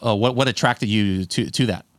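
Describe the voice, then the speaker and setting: An American man hosts a casual interview chat on his podcast at home, speaking in a fairly low voice at a moderate pace with no echo. He is laid-back and rambles, often restarting his sentences.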